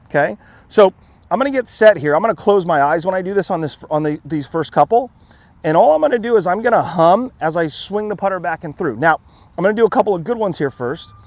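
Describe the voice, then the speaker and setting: A man coaching golf putting outdoors on a green, talking in a relaxed way, often checking in with "okay?" and repeating himself as he demonstrates. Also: on the high side. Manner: relaxed, repeats "okay?" and "again", restarts words. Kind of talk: on-course instruction, demonstrating.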